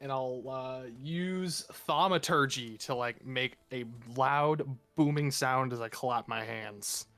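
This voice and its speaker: A man's voice: medium pitch, slow, few pauses, pushed and bright, clean tone, soft background music. A man playing a tabletop game, speaking hesitantly and laughing easily. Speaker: player. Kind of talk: casual tabletop game play.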